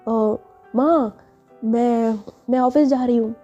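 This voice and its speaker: A lovestruck young woman boss, voiced by a woman storyteller, cheerful and teasing. The voice is very mellow and fairly high, in an even, steady line. Faint music plays behind. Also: slow pace, highs cut off. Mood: giddy.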